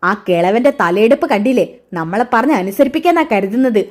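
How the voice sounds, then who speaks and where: A woman's voice: a little high, animated, a little fast. A woman voicing a scheming, spiteful middle-aged mother who sneers and plots. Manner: sneering, conspiratorial.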